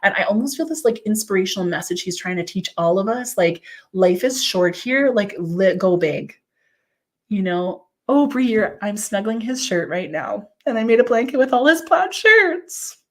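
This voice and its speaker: A woman's voice: medium pitch, expressive, normal speed. A woman psychic medium doing a live-stream reading. She gushes affectionately, uses many "like" fillers and answers viewers' comments aloud.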